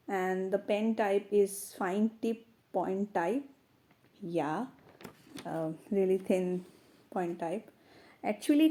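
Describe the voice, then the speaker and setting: A woman's voice: medium pitch, mellow. A woman with an Indian accent narrating a casual product review, her voice affected by a cold.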